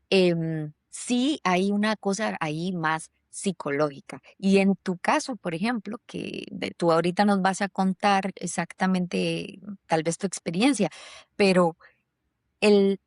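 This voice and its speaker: This podcast host, a woman based in Germany, talks in a thoughtful, conversational way, often stumbling into fillers and starting over. She has a lowish voice, captured dry and clean in a studio.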